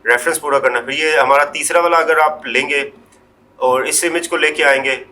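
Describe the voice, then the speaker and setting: Man, software tutorial, step-by-step explaining, bright forceful voice, faint hum behind. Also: fairly high pitch, fairly even intonation. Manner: unhurried step-by-step explaining, trailing off quietly; mixes English words into Hindi. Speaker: Photoshop tutorial presenter. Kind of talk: screen-recorded software tutorial.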